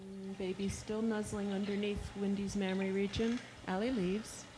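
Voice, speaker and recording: A woman dictates field observations in short, matter-of-fact phrases at a medium pitch. Clear ambient noise surrounds her. She sounds like a researcher logging behaviour as it happens. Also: level tone, moderate pace. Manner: terse, matter-of-fact present-tense reporting. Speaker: zoo researcher recording animal behaviour. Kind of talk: clipped live field observation notes.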